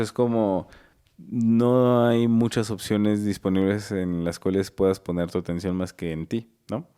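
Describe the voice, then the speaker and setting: A man's voice: fairly low pitch, dark tone, clear, resonant tone. A young man, co-hosting a podcast and talking through his ideas at length in a reflective, casual way. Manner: reflective, explains at length with many asides. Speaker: podcast co-host.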